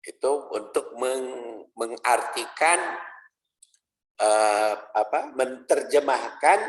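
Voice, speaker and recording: Slow Sundanese-accented preacher in a reverberant hall. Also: male voice, medium pitch, fairly bright tone. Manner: slow, deliberate explanation with stressed repeated phrases. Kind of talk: dawn study sermon.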